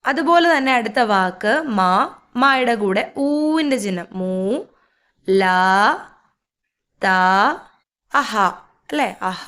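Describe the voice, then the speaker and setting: A woman takes a reading lesson at a slow, unhurried pace. Her voice sits a little high, and she breaks words into single syllables before blending them, often adding a quick check-in question. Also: lively intonation, a bit bright. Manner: patient, sounds out syllables one by one with tag questions. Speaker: Hindi reading teacher. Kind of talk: slow step-by-step language lesson.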